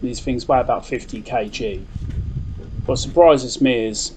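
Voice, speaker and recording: A man's voice: mid-range voice, measured pace, a little mellow. A man explaining a building project in casual, conversational, loosely structured vlog talk, correcting himself as he goes. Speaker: DIY build vlogger. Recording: faint background noise.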